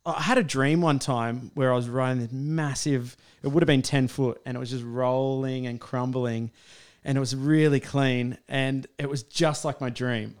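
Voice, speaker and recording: A man's voice: medium pitch, fairly even intonation, normal speed, smooth. Blokey young Australian man, laid-back tradie style. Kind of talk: casual chat and storytelling.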